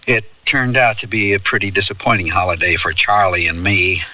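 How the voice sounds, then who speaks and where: Here the same kind of 1970s first-person radio drama narration comes from an actor as a wistful ordinary man looking back on a summer holiday from his youth. He talks fairly quickly in a low, steady tone, distant from the microphone without echo, over muffled tape with background music.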